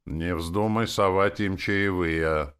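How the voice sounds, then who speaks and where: A man reading an audiobook, voicing a calm, gruff male orc with a slow, low, rumbling delivery. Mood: warning. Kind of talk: audiobook character voice.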